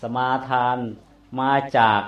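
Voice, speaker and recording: A man teaching a Pali grammar lesson, explaining slowly and repeating terms to drill pronunciation. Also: highs cut off. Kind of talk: classroom lecture. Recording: echoey room.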